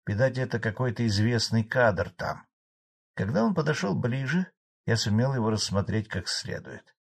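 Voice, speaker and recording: A man narrates a novel aloud in the first person, at a calm, measured pace with a dry tone. His voice sits in a middle range and sounds husky and slightly breathy. He reads the narrator's own spoken lines plainly, without much colour. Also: medium pitch. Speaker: audiobook narrator.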